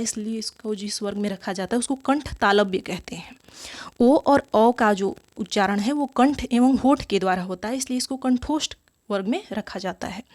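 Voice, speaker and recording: A woman teaching an exam-prep grammar lesson, explaining step by step, repeating key terms and answering her own questions. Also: fairly high pitch. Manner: asks the class questions and answers them herself.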